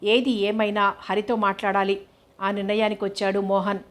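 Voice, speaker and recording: Woman, storybook narrator, steady, unhurried, mid pitch, flat delivery.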